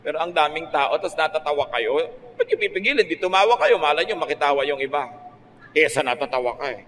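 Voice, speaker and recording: A man with a Filipino accent preaches in an easy, conversational way, switching between Filipino and English and jumping up in pitch to make a point. His voice sits a little higher than most men's. It rings with a long reverb over a faint hiss. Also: lively intonation, fast talker, fairly bright tone. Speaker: pastor. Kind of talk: radio sermon.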